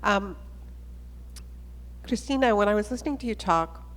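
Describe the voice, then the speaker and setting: A woman moderates a conference panel and asks long, thoughtful questions. Her voice is middle-pitched and carries a long reverb from the hall. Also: lively intonation, normal speed, a little hiss or hum.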